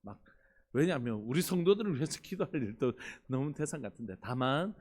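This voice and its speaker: A man preaches an early-morning sermon in a church, telling a personal story with earnest feeling. His voice sits in the middle register. When he quotes a prayer, his voice softens and drops. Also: mid-range voice, big pitch swings, a little fast. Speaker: pastor. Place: church sanctuary.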